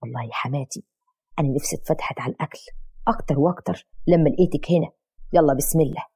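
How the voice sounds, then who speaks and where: A woman with an Egyptian accent voicing an easygoing middle-aged husband who speaks heartily and softly. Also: deep voice, very fast, breathy edge. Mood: hearty. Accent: Egyptian Arabic.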